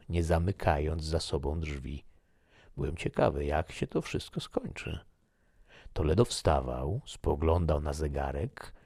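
Audiobook narrator, man, very deep voice with fry, calm and even, dry studio. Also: no room sound. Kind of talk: scripted narration.

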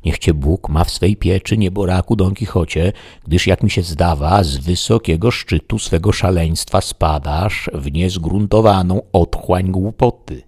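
A man's voice: sits low, unhurried, hardly any pauses, a little mellow, slightly rough, dry recording, clean studio sound, exaggerated voice. A man voicing a sober village priest. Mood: earnest.

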